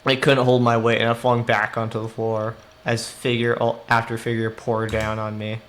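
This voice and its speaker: A man's voice: mid-range voice, monotone, normal speed, a bit bright. A man streaming a game live, reading its story text aloud and breaking off to react with swearing and laughs. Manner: reads narration then reacts with swearing and laughter.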